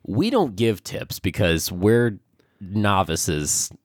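A young man co-hosting a casual podcast, nasal and congested from a cold, hesitant with many pauses and ums. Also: sits low, sing-song, no echo, studio quality. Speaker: podcast co-host.

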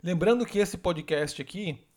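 A man who hosts a relationship advice podcast. He lectures emphatically and acts out example lines in a softer voice. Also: sits high, normal speed.

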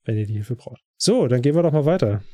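Mellow-voiced thoughtful male podcast co-host. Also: mid-range voice, animated, fast talker, no room sound, clean studio sound. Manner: thoughtful, hesitant, restarting phrases with many fillers. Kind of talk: casual chat recapping a TV series.

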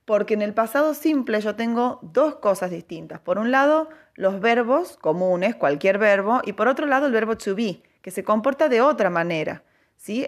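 Lively, high-pitched woman teaching. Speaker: English teacher. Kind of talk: online English lesson.

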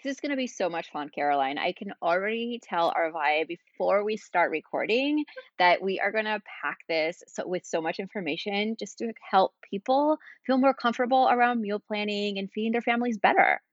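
A woman's voice: medium pitch, a little fast, no echo, lo-fi sound. A woman from Spain, in her thirties, chatting as a podcast guest in a rambling, filler-heavy way, about her cooking. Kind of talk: casual interview chat.

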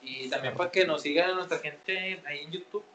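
A man with a Mexican accent telling a slangy, animated story on a podcast among friends, acting out the voices he quotes. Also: on the high side, brisk, crowd noise, low-quality recording. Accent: Mexican Spanish. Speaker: podcast co-host.

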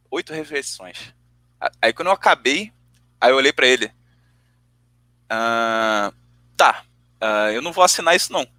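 Animated profane young man telling a story. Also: on the high side, no room sound. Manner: animated, profane storytelling, acts out both sides of arguments. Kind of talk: casual chat.

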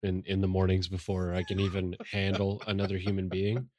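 Casting note: very low-voiced man, dry close sound, eager and rambling in casual talk. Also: monotone, fairly quick, a little mellow, no room sound. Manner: enthusiastic, rambling with restarts. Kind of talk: casual chat.

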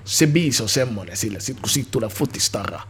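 A man in his thirties, a musician and youth football coach, talking in a casual interview in an energetic, slangy, rambling way full of restarts. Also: medium pitch.

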